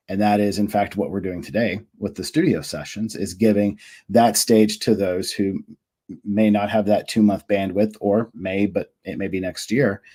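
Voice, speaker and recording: A man hosting an interview and explaining his speaking program in a measured way. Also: lowish voice, dark tone.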